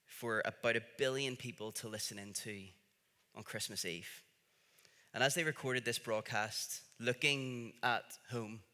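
A man preaching in a storytelling style, with dramatic pauses and emphatic repetition. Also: mid-range voice, pushed and bright. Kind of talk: storytelling sermon. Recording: reverberant large-room sound.

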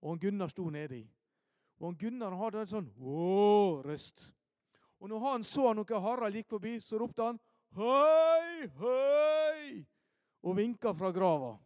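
A preacher from Ålesund, telling stories in a sermon, shifting between loud emphasis and hushed asides. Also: male voice, sits high, no room sound, clean studio sound. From Norway, Ålesund. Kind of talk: storytelling sermon.

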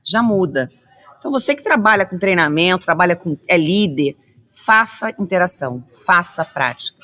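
Energetic Brazilian woman communication trainer. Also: lowish voice, normal speed. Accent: Brazilian Portuguese. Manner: energetic, direct, addresses listeners as an instructor. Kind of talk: conversational interview.

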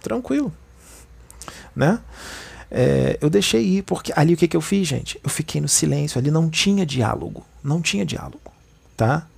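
Gravelly Brazilian man giving a spiritual talk. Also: a little high, expressive, moderate pace. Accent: Brazilian Portuguese. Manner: conversational, tags lines with "né" and "tá", addresses listeners as "gente". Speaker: spiritual speaker. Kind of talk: informal spiritual talk to an audience.

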